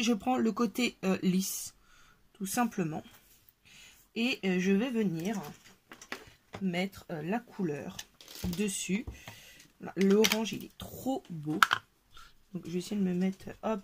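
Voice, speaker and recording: A woman talks through a craft tutorial in a relaxed, chatty way, pausing often with fillers as she works. Her voice sits in a middle range. Steady background noise runs under the home recording. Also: medium pitch. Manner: chatty, hesitant with many fillers.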